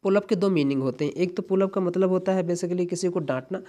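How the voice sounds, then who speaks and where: A man's voice: high voice, quick pace, mellow. A man tutoring exam English, explaining step by step and repeating key words with frequent tag questions. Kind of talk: exam-prep lesson.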